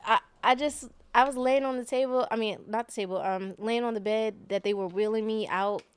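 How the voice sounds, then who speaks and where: A woman's voice: fairly high pitch, fairly even intonation, brisk, clean tone, dry recording. A woman guest on a podcast, telling a personal story in a rambling, casual way with many fillers and self-corrections.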